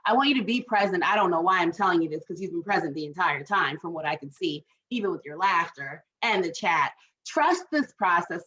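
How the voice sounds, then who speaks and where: With a mid-range, slightly bright voice, a woman from Barbados facilitates an online group workshop, reading the chat aloud in a chatty, encouraging way. The sound comes through a video call and is lo-fi.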